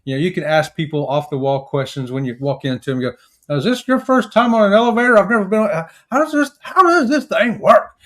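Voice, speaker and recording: Man, high voice, podcast co-host, playful, jokey, casual chat. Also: quick pace, fairly bright tone. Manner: playful, jokey, acts out silly exchanges.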